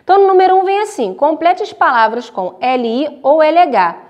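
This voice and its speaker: High-voiced Brazilian teacher using diminutives. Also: female voice, animated, moderate pace, a little mellow, lo-fi sound. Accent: Brazilian Portuguese. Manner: speaks to children in affectionate diminutives; frequent checks of tá and né. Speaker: primary school teacher. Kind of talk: recorded remote class lesson.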